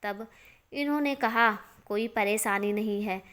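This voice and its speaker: A woman narrating a moral story in a steady, expressive storytelling manner. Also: mid-range voice, measured pace.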